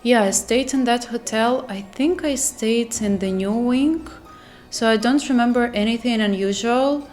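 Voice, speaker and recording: A woman's voice: a little high, measured pace, faint music behind. Chatty woman telling scary stories. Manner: chatty, animated, laughs at herself. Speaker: former flight attendant telling stories. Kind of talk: casual storytelling to camera.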